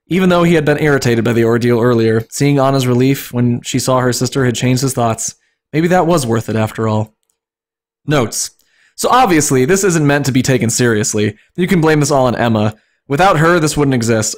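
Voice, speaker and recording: A streamer with a medium-pitched voice reads comic fan fiction aloud at a brisk pace, treating it as an informal, amused dramatic performance. He stumbles over the text every so often.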